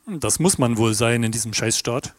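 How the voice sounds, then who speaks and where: An actor playing a bitter retired man who talks in a gruff, blunt way. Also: mid-range voice, normal speed, close to an everyday voice. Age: older. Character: grumbling retired man, bitter about the state.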